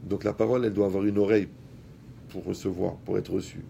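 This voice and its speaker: A man with a low, heavily gravelly voice gives a talk in a relaxed, colloquial way. He speaks straight to his listeners and uses everyday examples. His tone is dark and mellow. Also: quick pace, slight background noise. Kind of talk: lively talk to an audience.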